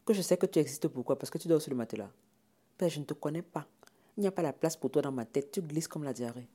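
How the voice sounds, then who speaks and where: A man voicing a weary young woman who speaks in a low, guttural, scornful way. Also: quick pace, warm tone, lightly acted. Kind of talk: audiobook character voice.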